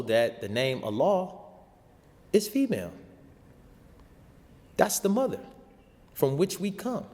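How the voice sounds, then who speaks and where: In a spiritual talk that sounds like a fiery sermon, a show host and teacher uses informal vernacular and rhetorical repetition. His voice is medium-pitched and a little mellow, and the recording has a long, hall-like reverb.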